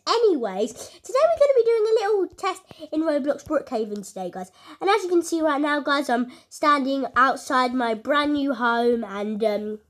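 A young woman giving casual commentary on her gameplay, chatty, with many fillers and a constant "guys". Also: high-pitched. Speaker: gaming YouTuber.

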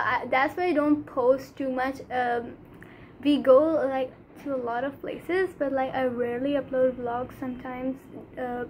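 In a small room, a Pakistani teen girl vlogs casually to a phone camera held at arm's length, speaking English with a Pakistani accent; Urdu is her first language. Her high voice has a slightly mellow quality, and she talks earnestly but haltingly with many fillers over a faint hiss or hum.

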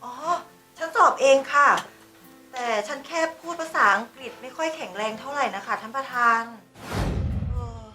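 A woman playing an anxious, excitable newly promoted employee who frets and exclaims loudly in an online short drama. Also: sits high, moderate pace, soft background music. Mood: hesitant. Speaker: new marketing manager.

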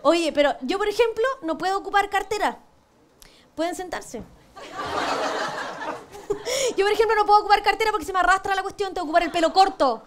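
In a very high-pitched voice, fairly quick and often pausing, a Chilean woman does stand-up on a TV panel show, cheeky and self-mocking with crude punchlines. The TV studio recording is very noisy, with the audience laughing throughout.

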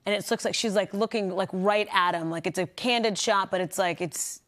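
A woman's voice: mid-range voice, fairly quick, a bit bright. A woman anchoring a TV news segment, chatting with a reporter in the studio. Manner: chatty, reactive. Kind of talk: studio chat.

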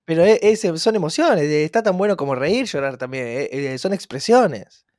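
Man, Argentine accent, fairly high voice, dry sound, teasing, playful, podcast banter. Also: lively intonation, normal speed, darkish tone, no echo. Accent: Argentine Spanish. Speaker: podcast co-host. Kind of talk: casual chat.

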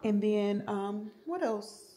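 A woman's voice: medium pitch, takes it slowly. Chatty woman in a roomy space. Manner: chatty, animated, says "y'all" a lot. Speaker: vlogger, mother. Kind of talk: casual vlog chat. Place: home and car.

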